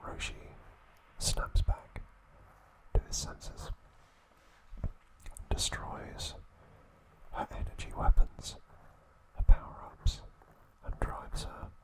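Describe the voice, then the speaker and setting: Close on the microphone, a man narrates in a soft ASMR whisper, very slow and deliberate, in short, careful phrases. He comes across as a hushed host leading a listener through trivia. The recording is rough.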